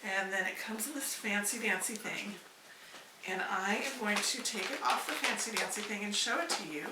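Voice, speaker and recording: A woman in her fifties hosts a relaxed vlog from a room at home, playfully gushing over her collectibles. She speaks at a normal speed with a medium-pitched voice, and the distant mic captures an echoey room with heavy background noise.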